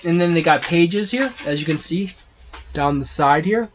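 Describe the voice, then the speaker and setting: A tabletop game book reviewer with a fairly high voice gives a casual, unscripted walkthrough at normal speed, rambling and listing items as he browses. There's slight background noise.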